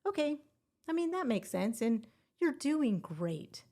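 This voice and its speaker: A woman's voice: high-pitched, very animated, slow, warm tone. A woman hosting a scripted exam-prep podcast and teaching grammar in a playful, upbeat way with puns.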